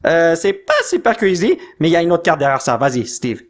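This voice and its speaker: A man doing casual unboxing commentary, excitably reading card names and mixing in English slang. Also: a little high, fairly quick. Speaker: YouTuber opening card packs.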